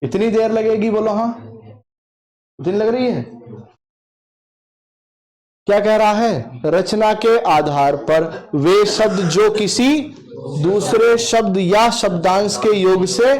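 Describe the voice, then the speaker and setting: The voice is a man's, high-pitched yet darkish in tone, belonging to a Hindi teacher preparing students for an exam. He repeats questions and answers aloud as drills, explaining slowly and emphatically.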